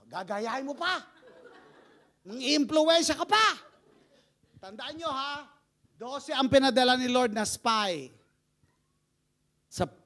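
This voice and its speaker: A man's voice: high-pitched, fairly bright tone. A man preaching a live church sermon, telling stories in a playful way and laughing often. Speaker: pastor.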